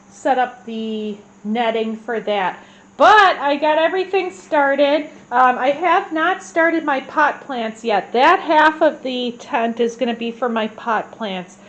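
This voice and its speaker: This gardening vlogger has a fairly high voice and sounds congested, pausing to clear her throat as she rambles casually with lots of fillers and restarts. The recording is rough.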